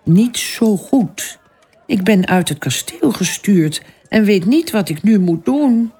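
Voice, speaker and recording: A narrator voicing a shy, timid young peasant girl in a storybook, who stammers and speaks softly. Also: mid-range voice, unhurried, husky, voice pushed up.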